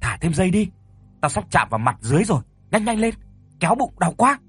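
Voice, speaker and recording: A man's voice: sits high, sing-song, fast, a bit bright, husky, faint music behind, voice pushed up, exaggerated voice. A man voicing a bossy, hot-tempered older brother who barks orders and scolds. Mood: urgent. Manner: barking, scolding commands.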